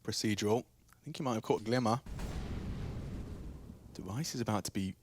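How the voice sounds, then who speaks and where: A man's voice: fairly low pitch, moderate pace. Male esports caster over game gunfire. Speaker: esports caster, play-by-play commentator. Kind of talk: live esports match commentary. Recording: clear game gunfire and clicking noise behind. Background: game gunfire and clicks.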